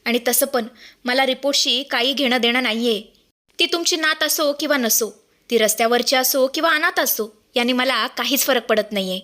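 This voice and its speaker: A woman's voice: high-pitched, moderate pace, bright, forceful tone. A woman voicing a young man who firmly and defiantly stands up for his fiancée. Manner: firm, defiant.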